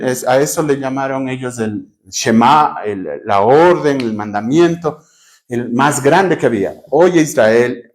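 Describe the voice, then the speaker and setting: A man's voice: mid-range voice, a little mellow. A man with a Cuenca Ecuadorian accent teaching a Bible class, questioning his students and spelling out terms as he writes on a board. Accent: Ecuadorian Spanish, Cuenca.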